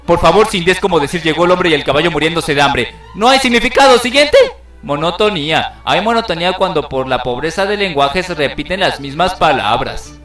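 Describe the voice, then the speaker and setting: A man's voice: a little high, brisk, few pauses, a bit bright, reverberant, far from the mic, faint music behind. A man narrating an educational video in a playful, theatrical way, exclaiming in mock outrage.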